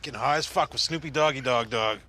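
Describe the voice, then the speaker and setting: A man's voice: medium pitch, fast, pushed and bright, a little hiss or hum, lightly acted. An actor playing a crude, blunt, constantly swearing trailer-park man. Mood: brash. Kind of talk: mockumentary sitcom acting.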